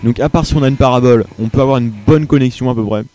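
A man's voice: mid-range voice, very fast, darkish tone. A young man from France hosting a live web radio show in casual chat, hesitant and full of fillers and restarts.

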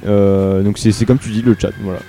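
A young man with a French accent, hosting a casual live web radio show from home. He talks in a halting way, with lots of fillers and restarted sentences. His voice has a mellow, darker color, and faint music plays underneath. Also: on the low side, flat delivery. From Paris region, France. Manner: hesitant, many fillers and restarts.

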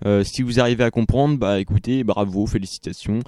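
Hesitant radio host, smooth mellow voice. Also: male voice, fairly low pitch, a little fast, no room sound, studio quality. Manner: hesitant, full of fillers and restarts. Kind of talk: casual on-air chat with listeners.

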